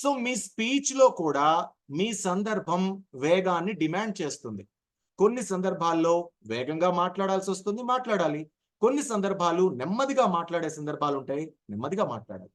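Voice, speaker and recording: A man teaching public speaking in an online session, explaining deliberately, mixing in English terms and acting out short examples, heard over a video call. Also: high voice, sing-song. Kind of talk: online speech-skills lesson.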